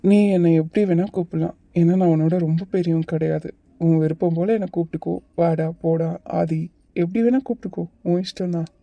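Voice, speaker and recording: A woman voicing a calm, teasing young male hero in a cartoon series. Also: lowish voice, a little fast, no echo, dull audio, natural voice. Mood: easygoing. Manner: teasing, patient, a little bossy. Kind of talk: Tamil cartoon series voice acting.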